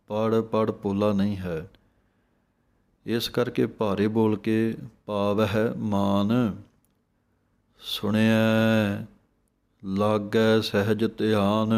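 Guy teaching how to recite scripture, chants lines real slow, pretty flat delivery. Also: lowish voice, vocal fry. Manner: chants scripture lines slowly, then explains spelling and sounds. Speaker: gurbani pronunciation teacher. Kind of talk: slow recitation lesson with explanations.

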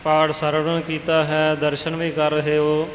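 A man's voice: fairly high pitch, monotone, unhurried, roomy sound, in a large hall, slight background noise, rough recording. A man giving a pronunciation lesson for scripture recitation, half-singing his explanations and chanting the examples. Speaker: recitation teacher.

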